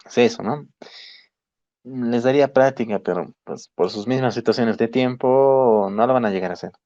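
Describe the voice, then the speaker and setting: A man's voice: medium pitch, moderate pace, warm tone, no echo. A male chemistry teacher gives an online lecture, explaining step by step and often checking in with his students. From Bolivia. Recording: dry, dull lo-fi call audio.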